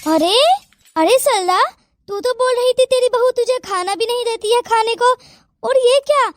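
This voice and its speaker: A bossy older aunt, voiced for a cartoon, indignant and meddling. She sounds extremely high-pitched. The recording is dry and close. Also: unhurried, no echo. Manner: scolding, bossy. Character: older sister-aunt, nosy and quick to anger. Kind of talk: Hindi cartoon voice acting.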